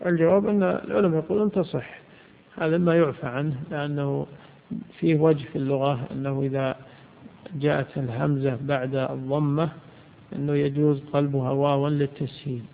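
Man, Islamic scholar, teaching a lesson, raspy gravelly voice, thin phone-like sound. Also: a little high, fairly even intonation, brisk. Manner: asks questions and answers them himself. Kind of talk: religious lesson explaining a legal text. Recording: tinny phone-like lo-fi recording.

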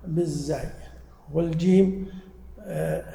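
A man gives a mosque lesson, explaining patiently and testing his listeners with questions. His voice sits a touch high, with a gravelly, mellow grain. The sound rings with the long reverb of a large hall. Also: fairly even intonation, measured pace, slight background noise. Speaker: religious teacher. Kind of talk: mosque lesson to a live audience.

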